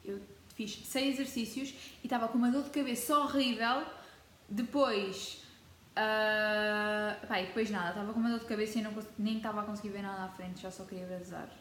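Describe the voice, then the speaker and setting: Teen girl vlogger, European Portuguese accent, chatty and dramatic, mid-pitched voice, roomy echoey sound. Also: steady tone, fairly quick, slight background noise. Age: teens. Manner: chatty, dramatic, mixes in English words. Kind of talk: casual chat to camera. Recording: echoey room with faint ambience.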